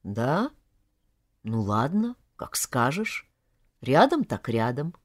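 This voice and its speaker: A gruff but caring young man, voiced by a female reader who speaks low and quietly. The recording is dry and close, with no room sound. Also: sing-song, slow pace, dry recording, exaggerated voice. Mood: gentle. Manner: lower, soft, gruff. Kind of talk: audiobook character voice.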